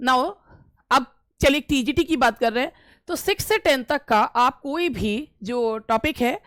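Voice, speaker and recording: High-voiced woman teacher, conversational. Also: unhurried, a bit bright, no room sound. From India. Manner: conversational, repeats phrases, frequent hesitations. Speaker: English teacher giving interview tips. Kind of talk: casual instructional talk.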